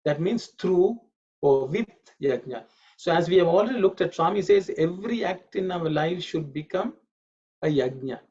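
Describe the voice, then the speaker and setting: A man's voice: sits high, animated, moderate pace, darkish tone, slightly rough. A man teaching a Sanskrit class online, patiently repeating each word's pronunciation and explaining its meaning. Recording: dull lo-fi audio.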